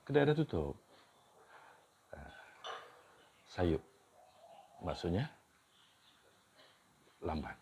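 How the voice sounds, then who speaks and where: A man teaches in an informal, explanatory way. His voice is low and mellow, and he takes his time, repeating words alongside their meanings. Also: big pitch swings, drawn-out words, gravelly, pauses often, a little hiss or hum. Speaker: teacher of Kedah dialect words. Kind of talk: informal dialect lesson with example sentences.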